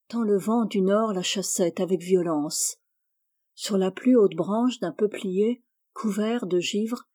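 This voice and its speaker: Mellow-voiced woman reading a tale. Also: medium pitch. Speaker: storyteller. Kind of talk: scripted story narration.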